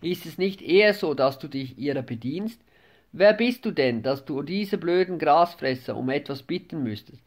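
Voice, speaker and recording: A man's voice: on the high side, lively intonation, moderate pace, natural voice. A man voicing a mocking, scornful male tempter in an audiobook. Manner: mocking, taunting.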